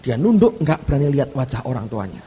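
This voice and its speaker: A male pastor preaching a sermon, telling a story with animated delivery and often addressing the congregation directly. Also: mid-range voice, quick pace, slight background noise. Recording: echoey church hall.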